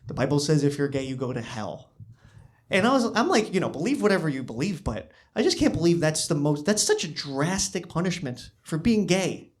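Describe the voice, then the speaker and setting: A man doing an animated, rambling stand-up comedy set in a club. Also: on the high side, fairly quick. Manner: animated, rambling, self-interrupting.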